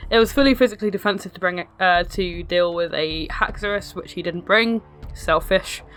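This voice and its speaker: A woman with a hoarse, sick-sounding smoker's rasp, giving casual, sarcastic, sweary game commentary. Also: lowish voice, moderate pace, fairly bright tone. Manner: sarcastic, self-deprecating, sweary. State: ill, hoarse. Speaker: video host narrating own battle. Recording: music behind the voice. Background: music.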